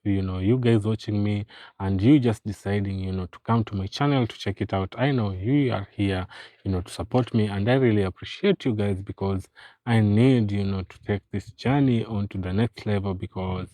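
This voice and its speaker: A Kenyan man in his twenties talking to the camera in a casual vlog, recorded on a phone, earnest and filling every pause with "you know". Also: fairly low pitch, warm tone, dry recording. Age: 20s. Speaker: vlogger.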